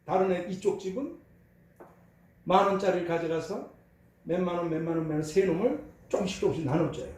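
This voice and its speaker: A man's voice: high voice, fairly quick, darkish tone. An older man, a pastor, preaching a sermon in a conversational storytelling way, heard in a church sanctuary. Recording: echoey hall, voice from far off.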